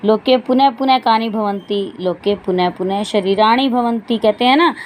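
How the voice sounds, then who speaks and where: A woman's voice: fairly high pitch, moderate pace, a little hiss or hum. Woman teacher explaining line by line. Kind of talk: Sanskrit lesson explained in Hindi.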